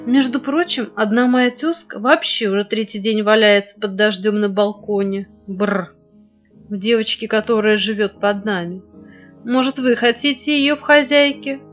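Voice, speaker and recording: A woman's voice: medium pitch, normal speed, close to an everyday voice. A woman voicing a sulky female fashion doll in a storybook reading, sighing and offended, on a dull lo-fi recording with faint guitar.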